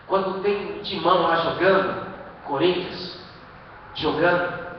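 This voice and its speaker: A man preaching a sermon as pastor, with a Brazilian Portuguese accent, emphatic, full of rhetorical questions and sudden loud bursts. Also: high voice, unhurried, lo-fi sound, slight background noise. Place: church hall. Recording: echoey live-stream from far off in a hall.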